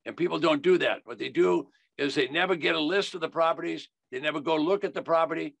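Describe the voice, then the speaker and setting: A fast-talking investing educator, an American man in his 70s, pitches and teaches on a video call in an emphatic, folksy way, hammering key phrases again and again. His voice is a little high, creaky and fairly bright. There is no room sound.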